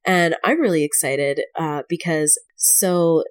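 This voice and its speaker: A woman's voice: low-pitched, takes it slowly. Stuffed-up woman hosting a casual podcast. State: stuffed up with a cold. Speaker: podcast host. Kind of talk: casual interview.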